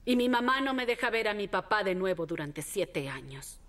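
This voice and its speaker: A woman playing an adult woman from a shelter, recalling her childhood in plain, halting first person. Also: medium pitch, big pitch swings, fairly bright tone. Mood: solemn.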